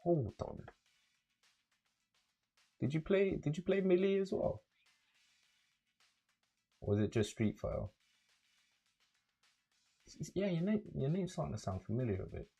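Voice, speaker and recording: A young man with a London accent chatting casually with viewers on a livestream, relaxed and rambling with many fillers. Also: a little high, measured pace, gravelly, pauses often, breathy edge, dull audio, faint music behind. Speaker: streamer.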